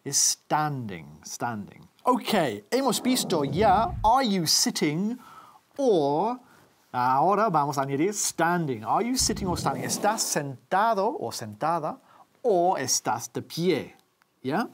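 A woman's voice: sits low, sing-song, slow, background noise. A woman presenting a TV English lesson, patiently repeating words and phrases for viewers to practice. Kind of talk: bilingual TV language lesson.

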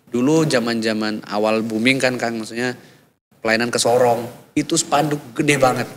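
At medium pitch and normal speed, with slight background noise, a man in his 30s appears as a guest recounting his faith story in a casual chat. He tells it with energy, performing the quoted lines of the people in it.

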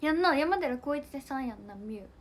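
Bubbly high-voiced young woman. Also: lively intonation, a little fast. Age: young adult. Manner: bubbly, giggly, chatty, reacting to comments. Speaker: idol livestream host. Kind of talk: casual livestream chat reading comments.

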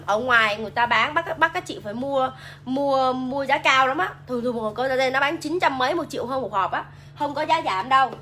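Here a livestream seller with a Southern Vietnamese accent chats casually, reads comments from viewers aloud and promotes her products. She speaks in a highish, slightly bright voice over slight background noise.

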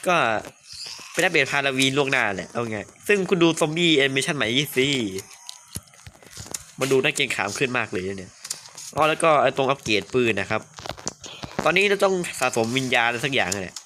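A man giving gameplay commentary at home at night, keeping his voice hushed and low. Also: animated, a little fast, pauses often, slight background noise. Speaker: game streamer.

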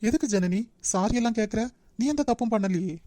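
A withdrawn young cartoon man, voiced by a woman, curt and reserved in a Nagercoil Tamil accent. The tone is mellow and the talk moves fast. It sounds dry and close. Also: mid-range voice, no room sound, natural voice. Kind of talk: cartoon voice acting.

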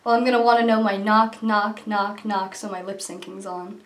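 A woman's voice: medium pitch, fairly even intonation, moderate pace. A young woman cosplayer chatting playfully while filming behind the scenes in a small home bathroom, recorded on a camcorder. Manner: playful, joking. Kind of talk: casual chat. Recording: echoey bathroom, faint noise.

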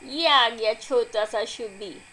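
A young adult woman, a vlogger and mother, narrating her family video in a chatty, doting, excited voice-over. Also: a little high, slow, poor audio. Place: recorded apart from the filmed scene.

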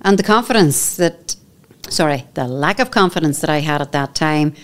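A woman's voice: sits low, lively intonation, moderate pace. A woman in her fifties with a Northern Irish accent, speaking as a podcast guest in a candid, emphatic way and repeating key phrases. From Northern Ireland. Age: 50s. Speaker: podcast guest, menopause educator. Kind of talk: candid conversational interview. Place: studio set with armchairs. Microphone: boom microphone on stand.

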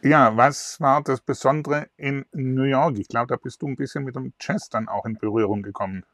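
A man's voice: mid-range voice, steady tone, normal speed, fairly bright tone, no echo. Middle-aged man, talk host, chatty with many fillers, dry close lapel sound. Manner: chatty, filler-heavy questions. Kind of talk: online interview. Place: indoors in front of a virtual backdrop. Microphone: lapel mic.

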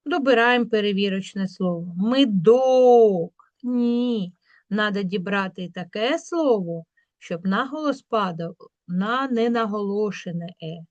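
A woman teacher working through a school workbook, drawing words out slowly to show where the stress falls. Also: medium pitch, expressive, dry recording, dull audio. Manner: slow, drawn-out word demonstrations.

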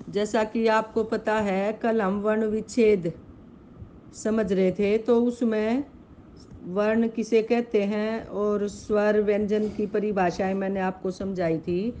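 Slow, patient woman teaching a class. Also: mid-range voice, flat delivery, mellow, slight background noise. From Haryana, India. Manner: patient, slowly spells out sounds; asks pupils questions, calls them beta. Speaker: Sanskrit teacher. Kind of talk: online grammar lesson.

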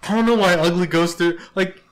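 Chatty man with a higher voice. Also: a little fast. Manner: chatty, agreeable, laughs often. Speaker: co-host. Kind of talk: casual chat.

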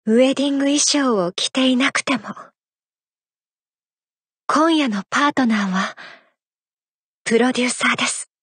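A graceful, playful young adult idol heroine from a mobile game speaks tender, soft, intimate and affectionate lines. Her female voice is high, husky and unhurried, exaggerated in character, and recorded close and dry on a studio mic with no room sound.

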